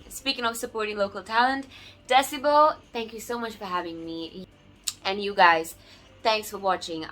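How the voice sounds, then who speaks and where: A young woman from Sri Lanka talks casually to camera about her music, sounding warm and grateful. Her voice is bright and sits a little low for a woman. Soft music plays faintly underneath. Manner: warm, grateful, often laughing softly. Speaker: singer-songwriter.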